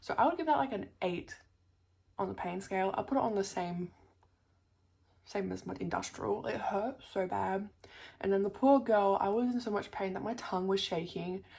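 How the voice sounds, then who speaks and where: A woman's voice: medium pitch, normal speed, creaky, a little mellow, husky. A young woman chatting casually to camera as a vlogger, full of fillers and casual swearing, her speech a little thick from a new tongue piercing.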